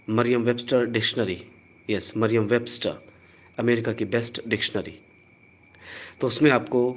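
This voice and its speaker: A man with an Indian accent teaching a live online pronunciation lesson, spelling out letters and repeating each word with care. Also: medium pitch. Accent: Indian English. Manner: slow, deliberate, spells out letters and repeats words. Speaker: English teacher.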